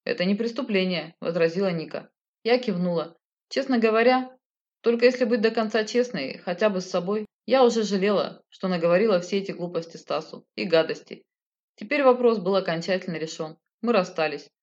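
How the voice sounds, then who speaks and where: A woman's voice: medium pitch, a little fast, a little mellow, muffled recording. Woman reading a first-person audiobook. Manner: emotional, bitter, sobbing at times. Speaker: audiobook narrator.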